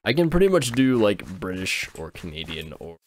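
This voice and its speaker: This lowish-voiced American man is very animated as he chats with viewers during a relaxed game livestream, speaking at a moderate pace with slight background noise. His talk wanders, and he keeps interrupting himself to start over or fix his words.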